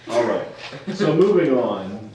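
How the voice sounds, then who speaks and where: A man's voice: mid-range voice, very animated, slow, a crowd in the background. A man hosting a casual group podcast, easygoing as he steers the conversation along. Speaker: podcast host. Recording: roomy, distant mic, faint noise.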